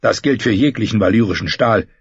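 Give me a contemptuous, commanding lord from a storybook, as a narrator puts him on, cutting and scornful in every line. The voice is husky and is heard in a dry, slightly muffled recording. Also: male voice, on the low side, brisk, no room sound. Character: harsh scornful older male lord, contemptuous.

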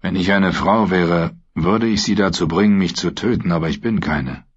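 A proud, cynical captive knight speaks in a dry, sardonic tone, quiet and low, as a male narrator plays him. The voice is husky, and the recording is dull and lo-fi. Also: a little fast.

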